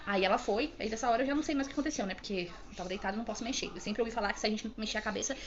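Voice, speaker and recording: Young woman rushing through an emotional story. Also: on the high side, lo-fi sound. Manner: rapid, emotional, many fillers and restarts. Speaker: vlogger telling her birth story.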